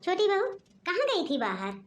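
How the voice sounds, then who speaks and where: A woman's voice: very high voice, huge pitch swings, normal speed, exaggerated voice. A woman voicing a bossy, nagging mother-in-law in a cartoon, scolding and giving orders.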